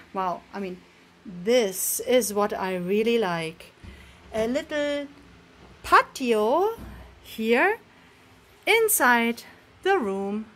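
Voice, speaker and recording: A woman's voice: a little high, a bit bright. A woman filming a cheerful, chatty travel vlog around a resort, often laughing as she shows things to the camera. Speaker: vlogger. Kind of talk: casual vlog narration. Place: resort room and grounds.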